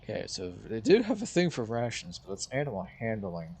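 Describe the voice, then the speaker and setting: A man running a tabletop game as game master, playful and lively. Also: on the low side, brisk, slightly rough.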